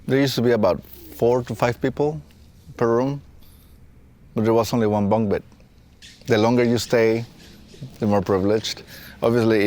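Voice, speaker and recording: A low-voiced Mexican man in his late thirties, who works as a facilities and safety technician and staff trainer, tells his story in a halting, reflective way for a training film. Soft plucked guitar music sits behind his words.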